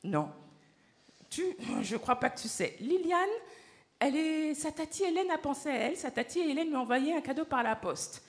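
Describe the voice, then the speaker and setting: A woman telling a story to children at a church service, animated and often asking the children questions. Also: high voice, normal speed. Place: church hall.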